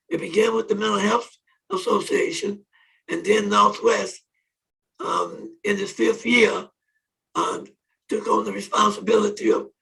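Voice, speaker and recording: A hoarse man hosting a conference on online radio, talking haltingly with many pauses and restarts. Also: high voice, pushed and bright, far from the mic, poor audio. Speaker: conference host. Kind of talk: opening remarks on online radio. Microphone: phone or conference call.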